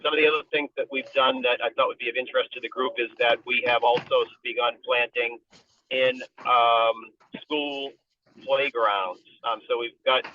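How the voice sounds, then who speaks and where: A man calling in by speakerphone while driving his car, giving a steady, informative update to a community meeting with frequent ums. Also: mid-range voice, moderate pace. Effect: car speakerphone call. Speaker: community tree group volunteer. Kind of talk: meeting update over a call. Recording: tinny phone line with faint car noise.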